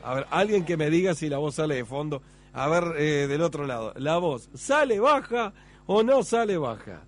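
Uruguayan male morning radio host, high voice, easygoing chatter, faint music behind. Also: very animated, moderate pace. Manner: chatty, thanks listeners by name, fusses over sound levels. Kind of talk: casual morning radio chat.

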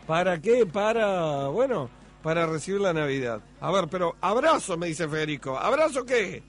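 A man's voice: on the high side, animated, moderate pace, faint music behind. A Uruguayan man hosting a morning radio show, chatting casually and greeting listeners by name. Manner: chatty, thanks listeners by name, fusses over sound levels.

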